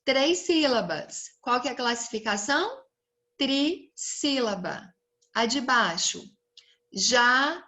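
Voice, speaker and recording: A woman's voice: a little high, big pitch swings, moderate pace, pushed and bright. A young Brazilian woman teaching a recorded lesson to children, stretching out words and asking the pupils questions. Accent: Brazilian Portuguese.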